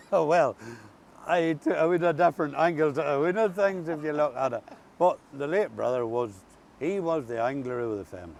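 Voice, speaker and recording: A man's voice: moderate pace, creaky. An older man with a rural Ulster accent, chatting and telling stories casually as an interview guest outdoors. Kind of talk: casual storytelling chat. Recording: steady background noise, outdoor rumble.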